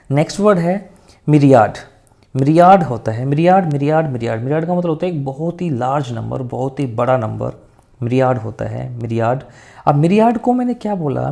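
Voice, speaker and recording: A man's voice: medium pitch, creaky, dark tone. A man teaching English vocabulary in Hindi. He repeats each new word several times and often checks in with "theek hai". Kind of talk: Hindi vocabulary lesson with memory tricks.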